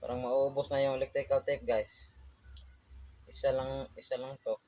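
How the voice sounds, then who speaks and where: A man's voice: mid-range voice, little pitch movement, normal speed, dark tone. A young Filipino man from outside Manila, an electrician chatting casually through a job-site tutorial and saying "guys" constantly. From Philippines, outside Manila. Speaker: electrician vlogger.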